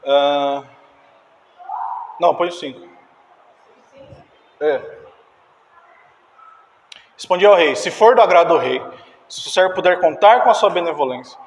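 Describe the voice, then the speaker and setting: A man's voice: fairly high pitch, normal speed, long pauses. Man preaching in a reverberant hall. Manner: animated, acts out dialogue, directs slide operator. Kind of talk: sermon. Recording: distant reverberant church hall.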